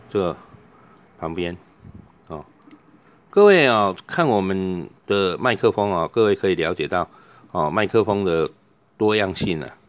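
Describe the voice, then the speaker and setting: A man demonstrating microphones in a loose, chatty way, filling pauses with a drawn-out "oh" and calling into each mic to test it. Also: low-pitched, clear, resonant tone. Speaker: microphone seller. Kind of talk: product demonstration.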